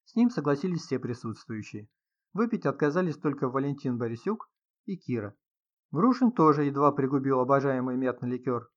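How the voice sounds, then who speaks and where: A man reading a detective story aloud in a steady, measured, dramatic narration. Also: medium pitch. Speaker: audiobook narrator. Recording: slightly dull lo-fi sound.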